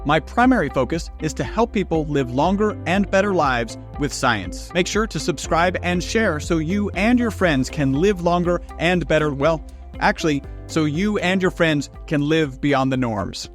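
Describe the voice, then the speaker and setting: A man's voice: fairly high pitch, lively intonation, normal speed, faint music behind. A man hosting a health podcast, introducing his guest and asking questions in an upbeat, conversational way. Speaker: podcast host.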